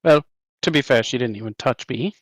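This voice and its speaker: A man's voice: mid-range voice, fairly quick, no echo. A man playing a tabletop game, speaking in character in a playful, boastful way. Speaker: player. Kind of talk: in-character tabletop role-play.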